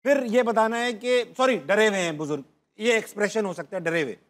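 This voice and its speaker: A male comedy talk show host in a TV studio, chatty and quick to laugh, explaining a game at length. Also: high voice, fairly bright tone. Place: TV studio with a live audience.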